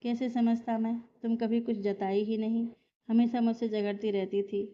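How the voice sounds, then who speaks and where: Baffled, easygoing young man, read by a woman storyteller, even delivery, lo-fi recording. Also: on the high side, moderate pace, close to an everyday voice. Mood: bewildered. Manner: bewildered, pleading. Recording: slightly dull lo-fi recording.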